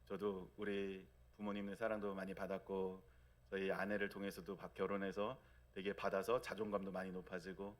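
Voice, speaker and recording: A man in his thirties preaching a Sunday sermon in a conversational way, often asking the congregation for agreement and acting out God's words in a soft, low voice. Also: little pitch movement, moderate pace. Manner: acts out God's gentle speech in a soft low voice. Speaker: pastor. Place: church sanctuary.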